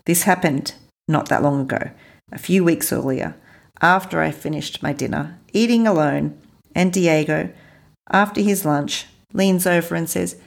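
Woman, travel-podcast host; deep register, gravelly texture, unhurried first-person storytelling. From Australia.

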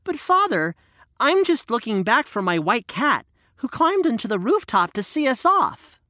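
A woman voicing a young boy, eager and bright, in a high child's voice. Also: very animated, unhurried, dry recording, studio quality, heavily acted.

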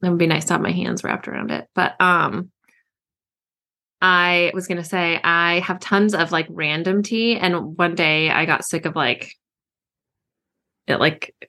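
Woman co-host, lowish but sharp, bright tone, bubbly and chatty. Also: steady tone, a little slow, pauses often. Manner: bubbly, filler-heavy, giggly. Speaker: podcast co-host, author. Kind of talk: casual chat.

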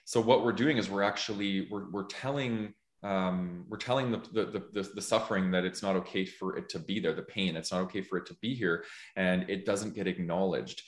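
A man's voice: sits low, fairly even intonation, a little fast. A man hosting a podcast, talking in a thoughtful, earnest way as he works through an idea, often restarting his sentences. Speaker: podcast host. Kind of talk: casual conversational chat. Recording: echoey room.

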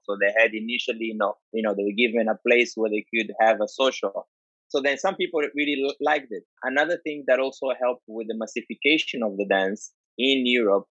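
A man's voice: medium pitch, a bit bright, no room sound. Angolan-accented man explaining, dull lo-fi sound. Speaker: dance culture speaker. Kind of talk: informal explanatory talk.

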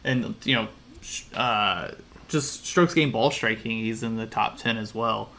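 A man's voice: on the low side, measured pace, gravelly, pushed and bright. A man co-hosting a casual sports betting podcast, talking in a rambling, analytical way with frequent restarts. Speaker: podcast co-host.

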